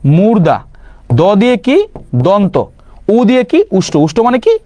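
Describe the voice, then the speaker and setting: High-voiced man quizzing through a lesson. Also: wildly swooping pitch, dark tone. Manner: quizzing with rapid questions and self-answers; mixes English words into casual lecture. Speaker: grammar teacher. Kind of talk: online exam-prep lesson.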